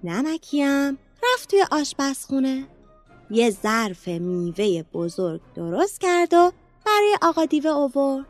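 A woman narrating a children's storybook in a lively, expressive read-aloud manner. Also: high voice, soft background music.

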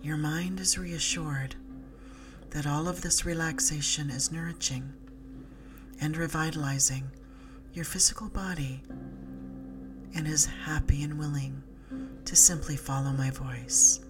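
A woman narrates a sleep story in a low, breathy voice. She moves very slowly through a guided relaxation, soothing and hushed, letting phrases fade softly toward a whisper. Music with a gentle drum beat plays clearly behind her. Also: steady tone. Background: slow music with drum beat.

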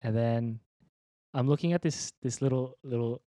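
A man's voice: medium pitch, moderate pace, mellow, dry recording, studio quality. A young man giving a personal faith testimony in an interview, laid-back and slangy, with many ums and restarts. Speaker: interview guest, church leader.

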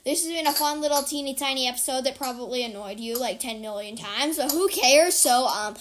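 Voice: sits high, fairly quick, noisy background. A child podcast host in natural, unscripted talk, playful and rambling, often repeating words. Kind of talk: natural unscripted talk with improvised silly karaoke singing.

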